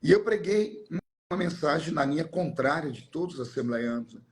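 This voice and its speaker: A middle-aged man, a pastor, telling a personal story in conversation, reflective and sometimes pausing to search for words. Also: fairly high pitch, expressive.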